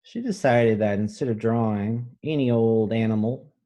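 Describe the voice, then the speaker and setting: An elementary school teacher reads a picture book aloud with expression, stopping to explain it in simple words for children. His voice is lowish and mellow.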